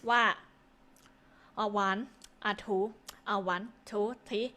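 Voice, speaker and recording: A young woman streaming a game, chatting casually with viewers and reading their messages in a playful, teasing way. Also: mid-range voice. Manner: playful and teasing, laughing often; excitable, repeating words quickly.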